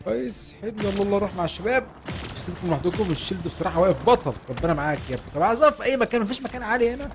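A man with an Egyptian Arabic accent hosting a gaming channel and giving excitable, joking let's-play commentary while laughing often. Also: high-pitched, rapid-fire, music in the background.

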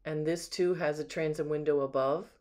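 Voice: mid-range voice, steady tone, normal speed, darkish tone. A home sales agent giving a casual, unscripted walkthrough narration, admiring and describing things item by item, recorded on a handheld camera inside an empty house. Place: indoors, rooms of an empty house.

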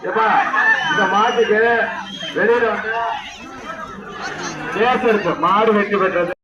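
A man announcing a live event over a public-address loudspeaker, calling out names and repeating short phrases. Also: high voice, a little slow, muffled recording, background noise. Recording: echoey loudspeaker heard from far, loud crowd.

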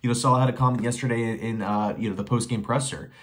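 A man's voice: mid-range voice, fairly even intonation, quick pace. A young man giving emphatic, opinionated commentary straight to camera from a small bedroom, firing off rhetorical questions and repeating phrases for emphasis. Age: young adult. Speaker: sports commentary vlogger. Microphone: webcam or phone facing him at desk.

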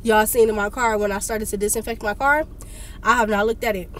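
A phone camera on the dashboard of a parked car captures a sick, congested young woman venting and telling a story with animation in a casual vlog rant. Her medium-pitched voice is steady and fairly quick, with slight background noise.

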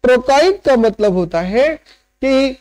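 Slow, lively-pitched male teacher. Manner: repeats each point and keeps checking understanding with "right?"; mixes in slow, word-by-word English definitions. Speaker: literature teacher. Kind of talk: online lecture explaining poetic meter.

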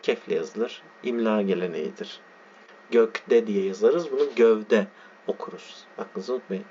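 A man teaching a lesson, reading a text aloud slowly and spelling out its letters and words as he explains them. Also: fairly low pitch, warm tone. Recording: dull lo-fi sound with faint background noise.

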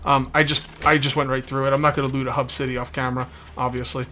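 A man's voice: mid-range voice, flat delivery, fast, sharp tone. A man giving casual, rambling gameplay commentary as a let's play host, repeating himself and talking with a sore, bitten tongue. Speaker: host of a video game let's play series. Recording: background noise, game ambience behind voice. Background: video game ambience.

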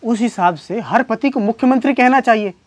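This actor's voice is very high and brisk, recorded with no echo. He's cast as the husband in a comedy sketch, firing dry sarcasm at his wife and escalating into fed-up rants.

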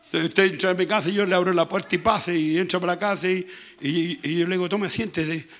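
A man with a Chilean accent preaching a sermon as pastor, with a hoarse, gravelly voice, talking loudly and repeating himself as he goes. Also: sits high, fairly even intonation, quick pace. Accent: Chilean Spanish. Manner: speaks loudly, conversational preaching with frequent repetition. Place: church.

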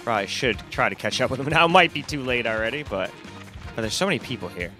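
A laid-back man talking casually over his gameplay, rambling and chatty as he runs through settings. His voice sits at an everyday middle pitch, and game music plays clearly behind him. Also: expressive, fast, pushed and bright. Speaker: gaming channel host.

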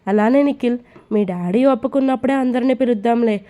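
A woman voicing a calm, kind middle-aged mother who talks reasonably, in a storybook reading. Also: fairly high pitch, brisk, dull audio, close to an everyday voice.

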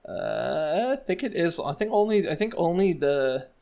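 A young adult man co-hosts a casual reaction chat from home over a video call, full of opinions and repeating words for emphasis. His voice is fairly high and dark-toned, animated, at a moderate pace.

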